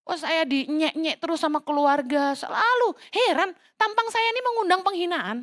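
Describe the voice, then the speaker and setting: A woman pastor preaching a lively church sermon in a casual, teasing way. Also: very high voice, moderate pace. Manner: lively, mocks petty prayers in put-on voices. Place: church service, livestreamed.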